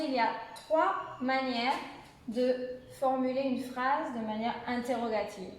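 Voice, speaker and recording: A woman from France with a French accent, a university French teacher giving a beginner lesson with clear, slow explanations and repeated example sentences. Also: sits high. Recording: very echoey room.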